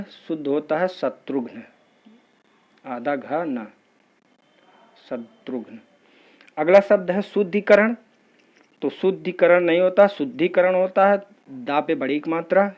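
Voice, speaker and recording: A man teaching an exam-prep spelling lesson in a steady, patient, methodical drilling way. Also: fairly high pitch.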